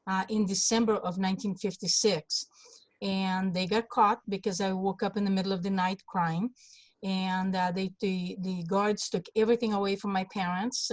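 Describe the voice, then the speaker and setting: Older Hungarian-born woman, halting storyteller. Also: mid-range voice, no echo. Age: 60s. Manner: halting, many fillers and restarts. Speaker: guest, congressional candidate. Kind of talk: personal story in an interview.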